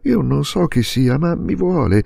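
A man's voice: fairly high pitch, lively intonation, a little slow, vocal fry, warm tone, voice pushed up, exaggerated voice. A man voicing a young boy who pleads tenderly and anxiously, in an audiobook reading. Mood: pleading. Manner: emotional, breaking into eager pleading.

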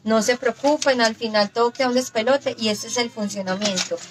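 Woman, lively craft tutorial host, fairly high voice, upbeat. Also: brisk, a little hiss or hum, low-quality recording. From Colombia. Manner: upbeat, announces workshops and dates in lists. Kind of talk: casual craft tutorial chat.

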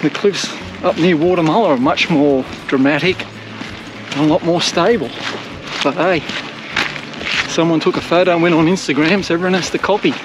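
A man's voice: a little high, fairly even intonation, moderate pace, noisy background. Chatty older Australian man hiking. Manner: chatty, rambling, self-mocking. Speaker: hiking vlogger. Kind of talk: casual walking commentary. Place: outdoors on coastal bush trail and beach. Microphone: action camera held at arm's length.

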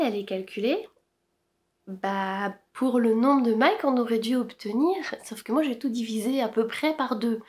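On a camera-mounted shotgun mic, a knitting podcaster chats casually to camera about her knitting. Her voice is slightly high and somewhat mellow, and she speaks hesitantly, dropping in plenty of fillers.

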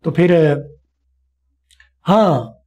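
A man teaching spoken English in an online class, repeating each sound slowly for his students. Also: on the high side, animated, darkish tone.

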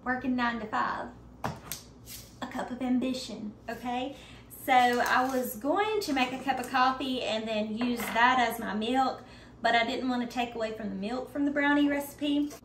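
Upbeat and chatty, a baking vlogger in her thirties talks her viewers through making desserts in her home kitchen in a relaxed tutorial. She speaks unhurriedly in a somewhat high, slightly bright voice, with a little hiss or hum on the recording.

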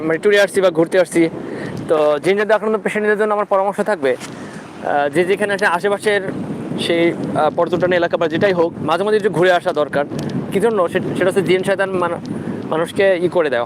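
A man with a Bangladeshi accent giving informal, instructive religious talk on a livestream, often pausing to find his words. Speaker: ruqyah practitioner hosting a live Q&A. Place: outdoors at a sea beach. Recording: clear outdoor wind and rumbling noise.

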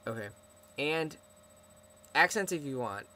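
A man's voice: on the high side, expressive, unhurried, pushed and bright, a little hiss or hum. A seventeen-year-old boy chatting casually to his camera, rambling as he answers viewers' questions. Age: teens. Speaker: vlogger.

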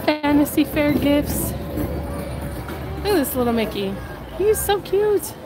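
On a low-quality recording, a vlog host with a high, very animated voice talks slowly while live-streaming from a handheld phone as she walks a packed theme park. Slightly nasal from recovering from a cold, she chats casually and laughs often amid loud crowd chatter and park music.

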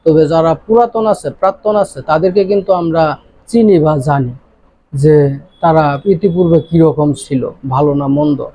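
Measured man speaking, mellow and higher. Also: no room sound. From Bangladesh. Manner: measured, deliberate, with pauses and restarts. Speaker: voter giving his opinion. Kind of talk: opinion interview. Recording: dull lo-fi recording.

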